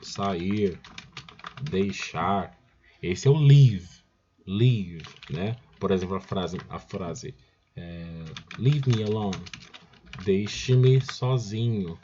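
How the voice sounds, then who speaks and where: A man's voice: low-pitched, drawn-out words, mellow, highs cut off, slight background noise. A man with a Brazilian Portuguese accent teaching English, drilling each phrase by repeating it and often calling out to his students. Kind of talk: recorded language lesson.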